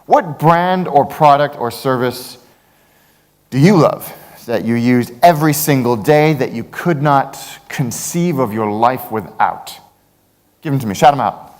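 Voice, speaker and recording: Male keynote speaker, mid pitch, animated and jokey, live in a reverberant hall. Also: unhurried. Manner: animated, jokey storytelling with big pitch swings. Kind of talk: conference keynote talk. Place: large conference hall.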